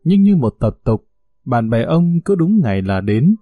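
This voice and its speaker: A man narrating short stories in a measured storytelling manner. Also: no room sound, phone-quality sound, faint music behind. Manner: measured storytelling, lively pitch. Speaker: audiobook narrator.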